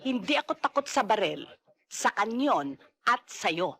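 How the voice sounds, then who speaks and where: A sassy, defiant coffee server. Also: female voice, medium pitch, big pitch swings, unhurried, slightly rough, exaggerated voice. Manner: sharp, defiant retorts. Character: sassy young woman serving coffee, unafraid.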